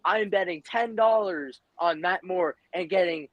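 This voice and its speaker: A man's voice: high voice, measured pace, dull audio. A man bantering as a wrestling show panelist, cocky and emphatically repeating himself, on a noisy mic. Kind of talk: bantering in-character panel talk. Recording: clearly noisy mic with clicks.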